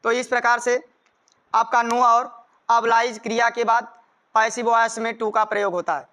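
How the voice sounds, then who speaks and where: Teaching grammar to a class, a man with a North Indian accent and Hindi as his native language repeats himself emphatically and dictates examples word for word. He keeps a moderate pace and flat delivery, his very high voice bright, forceful, clear and resonant.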